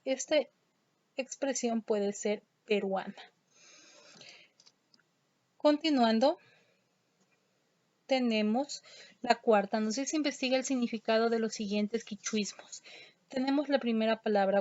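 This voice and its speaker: A woman's voice: a little high, measured pace, long pauses, darkish tone, no room sound. Woman teacher, muffled dry audio. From Ecuador. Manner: explains step by step, reads out questions and answers. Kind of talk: online class lesson.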